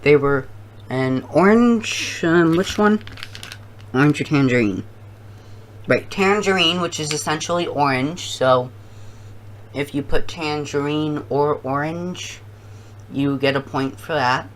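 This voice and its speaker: Slow, halting challenge video host. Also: medium pitch, a little hiss or hum. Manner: halting, thinking aloud. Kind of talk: casual commentary to viewers.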